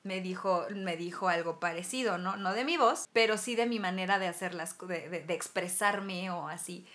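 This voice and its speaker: A woman chatting casually, blunt and animated, with a posh, upper-class-sounding way of talking. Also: fairly low pitch, normal speed. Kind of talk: casual chat.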